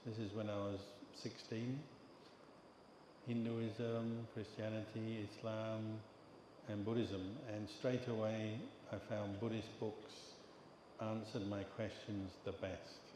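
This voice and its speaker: An older male monk from England gives a dharma talk, telling stories in a calm, measured way with pauses. His voice is low and flat. The recording comes from an echoey hall with long reverb and background noise.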